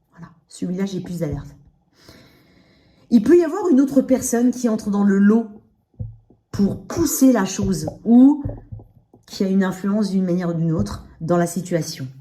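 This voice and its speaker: A woman's voice: mid-range voice, mellow, a little hiss or hum. A woman giving a casual tarot reading straight to the listener, speaking with dental braces in that slightly slur her words and often checking in with short tags. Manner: addresses listener directly with frequent check-in tags. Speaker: tarot reader.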